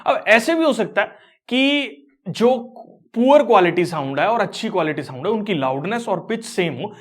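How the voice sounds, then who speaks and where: A man teaching a science lesson, explaining step by step in mixed with terms, with lots of repeated filler phrases. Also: high voice. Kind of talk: online physics lesson.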